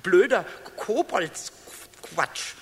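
Pumuckl, creaky-voiced little kobold. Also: male voice, sits high, expressive, drawn-out words, full character voice. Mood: hurt, indignant. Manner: childish, repeats words, sighs and exclaims. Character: cheeky little kobold, childish, easily offended, defiant. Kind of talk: 1970s children's radio play acting. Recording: faint hiss, 1970s radio recording.

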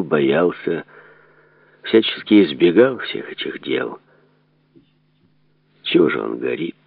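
A man reading an audiobook aloud in a measured, serious delivery, in a dry phone-like narrow recording. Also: sits low, creaky, no room sound. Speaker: narrator.

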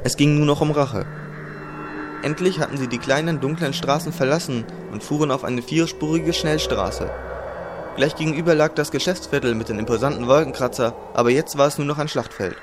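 A man narrating a dramatic fantasy audiobook in a measured storytelling manner. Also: fairly high pitch, noisy background. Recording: loud music under narration.

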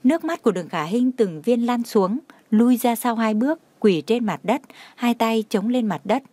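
A woman reading a story aloud in a steady, even narration. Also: on the high side, normal speed, no room sound.

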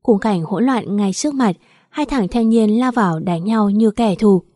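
A woman's voice: medium pitch, moderate pace, warm tone, no room sound. Woman narrating a story, dry close sound.

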